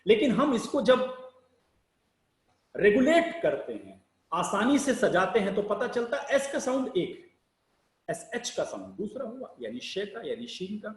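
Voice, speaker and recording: Male speaking teacher, high and expressive, slow deliberate lecture with rhetorical questions, roomy echo. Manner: slow deliberate explanation, spells out sounds letter by letter; rhetorical questions, emphatic rises and sinking ends.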